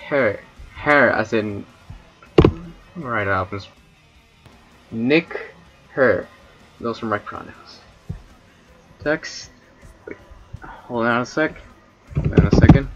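A Chilean streamer with a Chilean Spanish accent rambles and cracks crude jokes with chat during a casual debut livestream. His voice is mid-range and the audio sounds dull.

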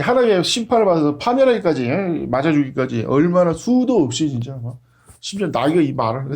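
A male preacher rehearses a sermon in an emphatic, blunt manner. He throws in coarse slang and constant rhetorical questions. His voice runs high and swings widely. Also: darkish tone. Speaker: pastor. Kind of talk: sermon practice.

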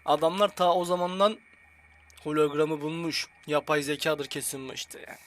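A young man with a Turkish accent commentating his gameplay casually, joking and grumbling at the game with sudden loud outcries. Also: on the high side, fairly even intonation, normal speed. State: slight headache. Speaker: gaming YouTuber. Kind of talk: casual let's-play commentary. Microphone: headset.

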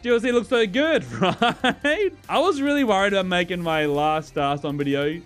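Excitable young-sounding gaming streamer man. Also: high-pitched, normal speed, faint music behind. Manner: excitable, swears often, laughs a lot, talks to chat. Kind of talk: casual gameplay commentary.

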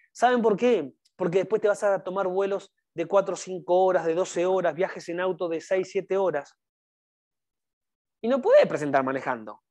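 A man's voice: sits high, a little mellow. A man giving a motivational network marketing training, speaking emphatically and repeating his key phrases to the audience. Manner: addresses the audience directly. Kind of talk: motivational seminar talk.

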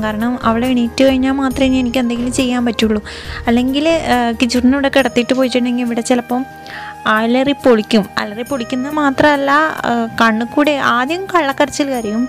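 Chatty mother vlogging. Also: a little high. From Kerala, India. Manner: chatty, repeats soft tags like "kettoo"; sing-song baby talk, coaxing questions to her little son. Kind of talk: casual vlog narration.

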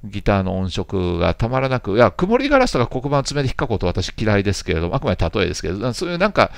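A man in his fifties with a very low, gravelly voice reads viewer comments aloud and answers them. He rambles in a relaxed, chatty way and drops in playful asides. The sound is dry and close, with no room echo. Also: rapid-fire. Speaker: jazz channel host.

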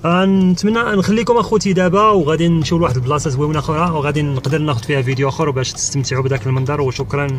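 A man with a Moroccan accent talks casually to camera as a travel vlogger. His voice sits fairly high and comes from a little way off the mic, with heavy road noise from the moving car all around it. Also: fairly even intonation, rapid-fire, hardly any pauses, recorded from a distance. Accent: Moroccan Arabic. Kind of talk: casual travel vlog chat. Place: inside a moving car on a highway.

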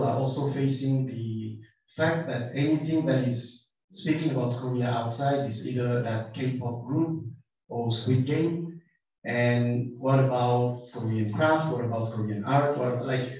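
A man speaks with a French accent in a soft-edged, relaxed tone. He puts a thoughtful question from the audience, pausing to find words. The sound is muffled, far from the mic in a very reverberant room. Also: mid-range voice. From France. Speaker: audience member asking a question. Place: lecture room, picked up from afar. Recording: distant, very echoey hall, muffled.

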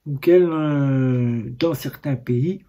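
Un homme qui déballe et commente une carte bancaire sans script, sur un ton hésitant, avec beaucoup d'hésitations et de reprises. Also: male voice, mid-range voice, slow, warm tone. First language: French. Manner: hesitant, many fillers and restarts. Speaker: vlogger reviewing a bank card. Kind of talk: casual unboxing talk.

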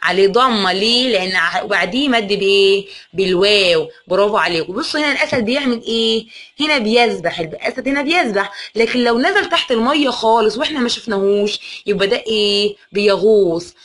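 A woman with an Egyptian accent teaching a reading lesson to young children. She asks question after question, answers them herself, and draws out words slowly. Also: mid-range voice, lively intonation, fairly bright tone. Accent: Egyptian Arabic. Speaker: primary school teacher.

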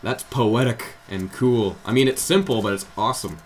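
A man's voice: fairly low pitch, moderate pace, low-quality recording. A young man chatting casually while playing a game, joking and laughing as he gives his partner directions. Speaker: let's play host. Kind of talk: casual gameplay chat.

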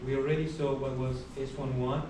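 A young man giving a university lecture in a large hall, explaining steadily with many pauses and uh fillers. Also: mid-range voice, level tone. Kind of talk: classroom lecture. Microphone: far camera at the back of the room. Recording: echoey hall recorded from far off, background hiss.

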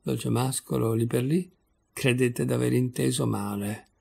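A male audiobook reader narrating a literary short story in a measured, expressive way. His voice has a gravelly edge. The pitch sits in the middle.

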